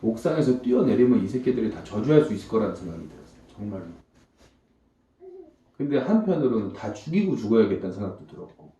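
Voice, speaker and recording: Male comedian giving a church testimony, animated storyteller who acts out voices, mellow voice, recorded from afar in a reverberant church hall. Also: lowish voice, fast, far from the mic, dull audio. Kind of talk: emotional testimony talk. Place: church hall before a congregation.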